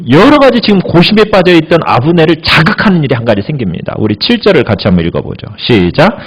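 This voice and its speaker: A man's voice: medium pitch, husky. A man preaching a midweek sermon as pastor, asking the congregation questions as he goes.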